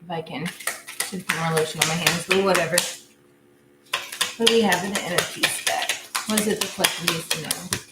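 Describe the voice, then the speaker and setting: A woman's voice: lowish voice, steady tone, fairly quick, pauses often. A woman hosting a live tarot reading, chatting casually with her viewers and laughing often. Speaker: tarot reader. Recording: echoey room with faint noise.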